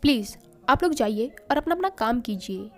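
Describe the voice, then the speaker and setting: A calm, teasing elder brother from a read-aloud story, spoken in a fairly high voice by a woman. He talks in an easy, gently mocking way, with soft music playing faintly behind. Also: moderate pace. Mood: teasing, easygoing.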